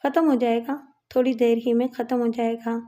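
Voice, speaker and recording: A woman's voice: a little high, level tone, mellow, natural voice. A woman reading the lines of a bossy but caring woman inmate who gives firm advice. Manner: firm, commanding.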